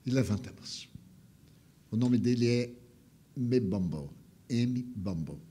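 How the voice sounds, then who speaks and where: An older man telling a heartfelt story in a spiritual talk, his voice swinging between soft and raised. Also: mid-range voice, lively intonation, slow pace, breathy edge.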